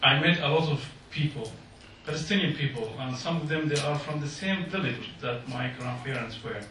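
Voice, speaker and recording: In a meeting hall with echo, an earnest Jordanian man addresses a public gathering in halting non-native English. His medium-pitched voice is picked up from a distance, amid background noise.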